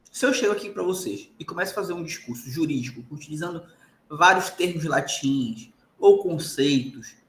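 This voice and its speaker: Lively Brazilian lecturer, bright echoey voice. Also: male voice, on the high side. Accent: Brazilian Portuguese. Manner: lively, emphatic, often checks in with "tá?". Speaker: law school lecturer. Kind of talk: recorded online lecture.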